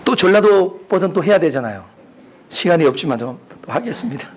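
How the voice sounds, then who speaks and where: A man's voice: sing-song, a little fast, a little mellow. A man preaching as a pastor, calling out hallelujah and rising for emphasis. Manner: preaching with call-and-response hallelujahs; rises in pitch for emphasis. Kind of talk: sermon.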